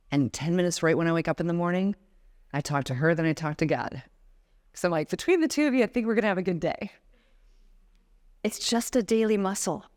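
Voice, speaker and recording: A woman in her thirties, her voice lowish and a little mellow, speaks as a guest giving a motivational talk to a live audience. She is emphatic and builds up to passionate appeals.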